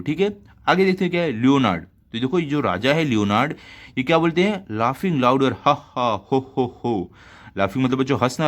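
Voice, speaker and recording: A man teaching a children's lesson in Hindi. He reads each line of the story slowly. Then he explains it word by word for young pupils. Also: mid-range voice.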